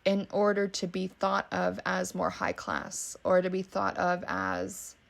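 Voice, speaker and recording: Valley girl podcast host lady, lots of fry, casual and emphatic, swears a bunch, says like constantly. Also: on the low side, completely flat delivery, a little slow. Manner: casual, emphatic, swears freely, many "like" fillers. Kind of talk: solo podcast monologue.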